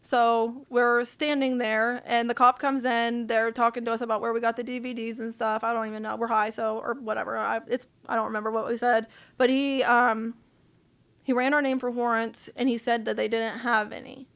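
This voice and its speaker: A woman sits in as a podcast guest and tells her story in a loose, blunt, profane way. Her voice sits a bit higher than most women's. She talks casually, as if to a friend across the table. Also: normal speed, clean tone. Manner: candid, profane, animated storyteller.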